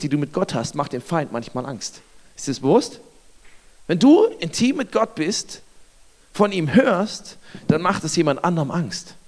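A young man preaching a sermon, telling a Bible story with lively asides and acting out the characters' lines, speaking straight to his listeners. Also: a little high, long reverb tail.

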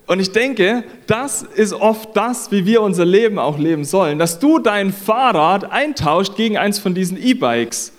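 A man's voice: high-pitched, animated, unhurried, few pauses. A man preaching a sermon in an earnest, conversational way, repeating phrases for emphasis.

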